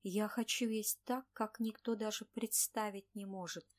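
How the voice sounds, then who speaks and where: A woman's voice: medium pitch, fairly even intonation, close to an everyday voice. Woman reading as a frail, exhausted young actress. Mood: weary. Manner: slow, tired, drawn out. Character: young actress, sick and worn out.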